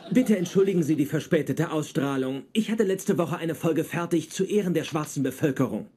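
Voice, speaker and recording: A man's voice: on the high side, a little fast, a little mellow, a little hiss or hum, lightly acted. A man dubbing a pedantic, socially awkward male genius physicist in a sitcom, speaking in a precise, formal and stiff way. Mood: prim. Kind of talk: dubbed sitcom acting.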